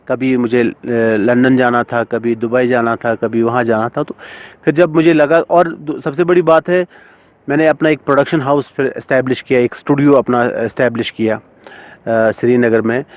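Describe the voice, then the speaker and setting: A middle-aged man, a singer and composer being interviewed, speaking thoughtfully with many pauses and fillers. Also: medium pitch, flat delivery. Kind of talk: casual interview talk.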